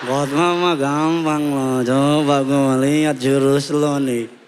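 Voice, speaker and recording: A man voicing a mocking onlooker who taunts a father in slangy, drawn-out speech. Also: medium pitch, steady tone, smooth, long reverb tail, lightly acted. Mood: taunting.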